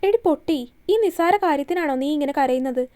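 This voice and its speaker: A woman's voice: sits high, expressive, fairly quick, warm tone. A woman reading the lines of a young man who teases his girlfriend tenderly on the phone. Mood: teasing. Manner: playful, teasing, tender. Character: young man, teasing affectionate lover on the phone.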